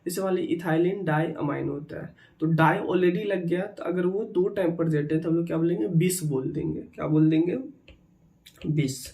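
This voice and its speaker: A man's voice: fairly high pitch, normal speed, vocal fry, darkish tone. A man teaching chemistry in an exam-prep lecture, mixing in terms, repeating key words and checking in with the students.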